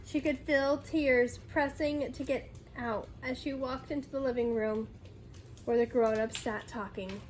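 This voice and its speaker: High-voiced woman reading a story slowly. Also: slight background noise, poor audio. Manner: dramatic, acts out dialogue. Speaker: storyteller reading a children's book aloud. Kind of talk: expressive scripted read-aloud for children.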